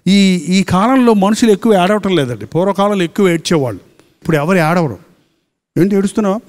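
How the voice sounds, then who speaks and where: A pastor delivering an emphatic sermon, asking the congregation rhetorical questions. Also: male voice, high-pitched, brisk, in a large hall.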